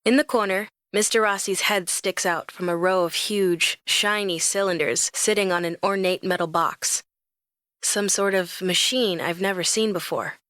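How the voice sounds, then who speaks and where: Brief: young woman, romance audiobook narrator, lively and expressive, close dry read. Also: mid-range voice, normal speed, no room sound.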